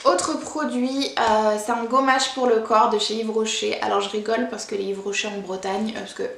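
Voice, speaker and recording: A woman's voice: a little high, fairly even intonation, normal speed, gravelly, fairly bright tone. A young woman from Brittany reviewing beauty products in a chatty, rambling way, full of hesitations. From Brittany, France. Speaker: beauty vlogger. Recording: echoey room with faint noise.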